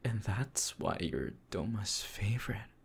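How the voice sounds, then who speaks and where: A man playing Douma, a slow, sly whispering demon. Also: lowish voice, sing-song, vocal fry, slightly rough, exaggerated voice. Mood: mocking. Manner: sing-song, mocking, drifting into whispers. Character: sly, cheerfully cruel male demon lord. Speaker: voice actor. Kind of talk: whispered role-play.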